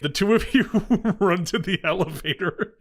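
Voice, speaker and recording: A man's voice: high voice, moderate pace, fairly bright tone. A man working as game master, improvising narration for a tabletop role-playing game.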